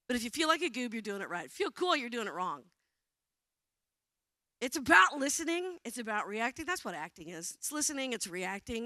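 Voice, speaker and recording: A woman in her sixties gives a playful, self-mocking talk from a conference stage and coaches the crowd. Her voice is bright and sits a little high, and it swoops widely in pitch. The sound is close and dry. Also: dry recording. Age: 60s. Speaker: theater director giving a talk. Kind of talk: comic motivational stage talk. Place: conference stage before an audience.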